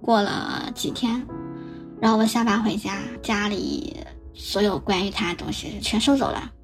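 A young woman telling her own story on a podcast, halting and often repeating words as she recounts past conversations. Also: mid-range voice, over music. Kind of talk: personal storytelling.

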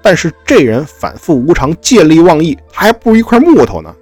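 A man voicing a noble male deer in a storytelling podcast, speaking earnestly and pleading, with a husky voice. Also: on the high side, wildly swooping pitch, fairly quick, darkish tone, no room sound, soft background music, pitched above the performer's own voice, full character voice. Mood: tearful, indignant.

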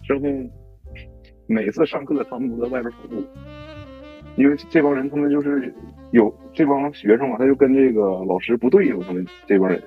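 A man with a Northeastern Chinese accent, co-hosting a podcast and recalling school days in a halting, hesitant way. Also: medium pitch, animated, gravelly, narrow, tinny audio, faint music behind. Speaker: podcast co-host. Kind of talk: casual chat.

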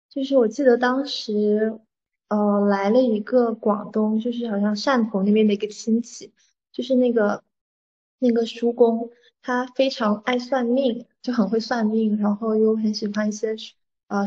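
带台湾腔闽南口音的年轻女性. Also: female voice, medium pitch, a little mellow. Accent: southern Min, Taiwanese-sounding Mandarin. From southern Fujian (Minnan), China. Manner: hesitant, reflective, mixes in English words. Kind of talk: personal storytelling in casual conversation. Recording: slightly muffled, band-limited audio.

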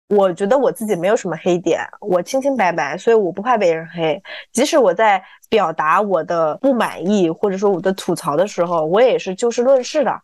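A married woman co-hosting a podcast, telling stories in casual chat and repeating her words when she gets excited. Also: medium pitch, dry recording. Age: adult, married. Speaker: podcast co-host.

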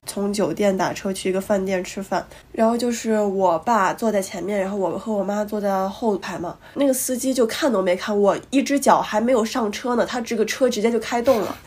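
Quick young woman with a cold. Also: medium pitch. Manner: animated storytelling with outraged retorts. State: has a cold. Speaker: podcast co-host. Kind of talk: casual chat.

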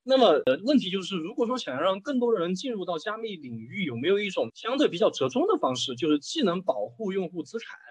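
A man's voice: high voice, sing-song, fast, hardly any pauses, husky, dry recording. A man hosting an interview in a conversational way, polite and wordy, often adding little tags to confirm his point. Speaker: interview host.

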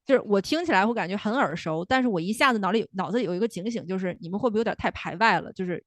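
A woman's voice: medium pitch, animated, racing, dry recording. A woman from northern China co-hosting a chat show, talking through her views carefully, with hedges, fillers and restarts. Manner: thoughtful, hedging, many fillers and restarts. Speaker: podcast co-host, comedy critic. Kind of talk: casual critical chat.

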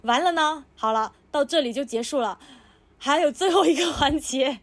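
High-voiced young woman telling a story. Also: normal speed. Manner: animated storytelling, acts out quoted exclamations. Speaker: podcast co-host. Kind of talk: casual chat.

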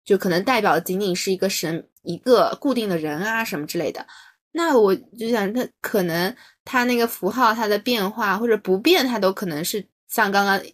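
A woman's voice: mid-range voice, fairly quick. Woman co-host, casual chat, searching for words as she goes. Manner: thinking aloud, hesitant, many fillers and restarts. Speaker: podcast co-host. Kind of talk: casual book-club chat.

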